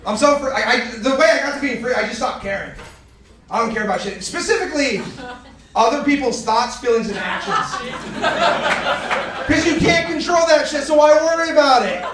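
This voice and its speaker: A young man doing a stand-up comedy set in a comedy club, telling crude jokes with deadpan punchlines and bantering with the crowd. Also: very high voice, moderate pace. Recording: echoey club from far off. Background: audience laughter.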